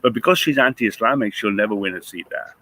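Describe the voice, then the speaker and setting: A man's voice: on the low side, quick pace, poor audio. A man co-hosting a casual reaction chat, talking emphatically. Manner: emphatic, animated, mimics voices in quotes. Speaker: co-host.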